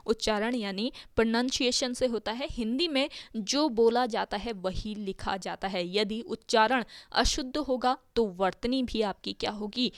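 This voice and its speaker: Brief: woman teacher, mid pitch, dry close mic, answers her own questions, exam-prep grammar. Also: no room sound. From India. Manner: spells out words sound by sound.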